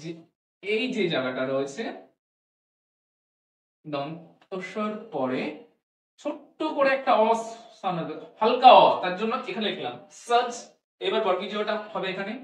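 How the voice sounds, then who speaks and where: A woman teaching English pronunciation to students. She asks questions and answers them herself, and she repeats each sound slowly. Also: medium pitch, lively intonation, recorded from a distance. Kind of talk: classroom-style lesson. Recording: echoey room, voice from off-mic.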